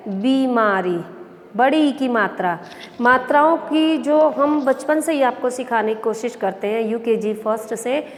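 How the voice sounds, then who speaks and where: A woman schoolteacher giving a recorded lesson to young pupils, explaining slowly and patiently with repeated examples. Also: a little high. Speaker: school teacher. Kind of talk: recorded online class lesson. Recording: long reverb of an echoey room.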